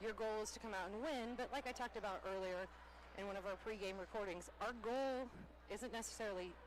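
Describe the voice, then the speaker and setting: A woman's voice: medium pitch, fairly quick. A woman coach giving a candid, upbeat postgame interview, a little out of breath, with lots of fillers. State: slightly out of breath. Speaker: head basketball coach. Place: high school gym after a game. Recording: noisy gym ambience.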